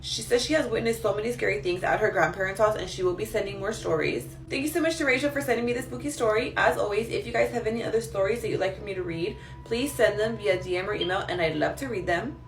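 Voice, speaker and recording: Female spooky-story host, conversational yet dramatic, mid pitch, roomy sound slightly away from the mic. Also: quick pace, hardly any pauses. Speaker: storyteller host reading follower-sent stories. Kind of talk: spooky storytelling for social media. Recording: roomy echo, distant mic, faint noise.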